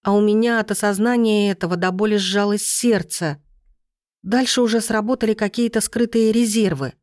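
A woman's voice: medium pitch, moderate pace, a little mellow, dry recording, clean studio sound. A woman narrating a first-person fantasy audiobook in an urgent, emotional way.

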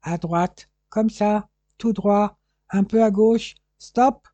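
A man's voice: sits high, fairly even intonation, slow, dark tone, no echo, highs cut off, voice pushed up. A man voicing a cool, commanding English detective who speaks French with a light British accent and gives curt, clipped orders. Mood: directing.

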